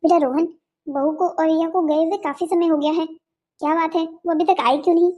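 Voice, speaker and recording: A woman voicing a worried older mother-in-law in a cartoon family story, fretting and gently scolding. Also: very high-pitched, steady tone, moderate pace.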